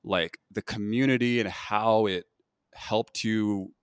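Recorded cleanly in a studio with no echo, an American man hosts a casual interview podcast, rambling loosely with frequent fillers and restarts. His voice is on the low side, smooth and slow, with fairly even intonation.

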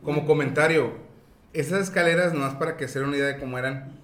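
A man's voice: fairly high pitch, fast, reverberant. A Mexican man recounting a story in casual chat, slangy and quoting others. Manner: relaxed, slangy, quotes others in dialogue.

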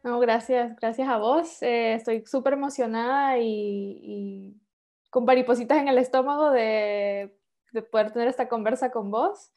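A woman's voice: a little high, a little slow, mellow, faint music behind. A woman in her thirties with a Honduran accent, chatting as a podcast guest, with many fillers and restarts. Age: 30s. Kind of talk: casual interview chat.

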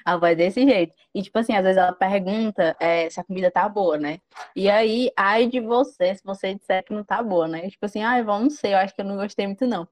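A woman chatting quickly in a casual group conversation. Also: medium pitch, a little mellow, dry recording. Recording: dull lo-fi sound.

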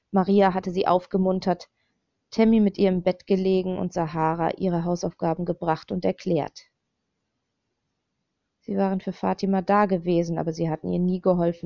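Creaky, dark-voiced woman reading a thriller. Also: fairly low pitch, steady tone, moderate pace, no room sound. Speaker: audiobook narrator. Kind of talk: scripted narration. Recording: slightly dull, dry recording.

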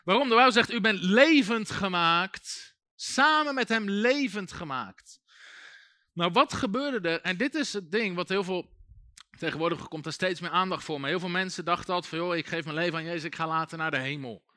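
A man's voice: high voice, moderate pace, pushed and bright, dry recording, clean studio sound. A man preaching a sermon in a conversational way, full of asides and restarts.

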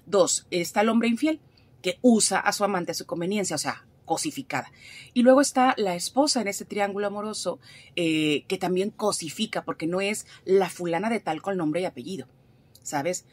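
A woman's voice: medium pitch, normal speed. A woman giving advice as a therapist on a radio talk show, speaking in a frank, colloquial, conversational way. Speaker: therapist, regular radio contributor.

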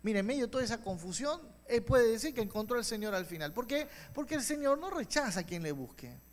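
A male pastor preaching a sermon with passion, dropping to quiet asides and rising to loud calls. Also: high voice. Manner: impassioned preaching, swings from soft to loud. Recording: long hall reverb.

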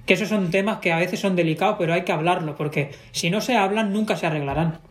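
Hombre, acento español, voz aguda, enfático, conversación casual. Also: male voice, high voice, fast. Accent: Spanish. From Spain. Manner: emphatic, repeats himself for stress.

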